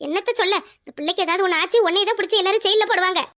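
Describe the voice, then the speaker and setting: A woman's voice: very high-pitched, rapid-fire, a bit bright. A woman voicing a scolding yet caring old village grandmother in a cartoon, with a Tirunelveli Tamil accent. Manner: scolding, fussing, chatty. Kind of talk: cartoon voice acting.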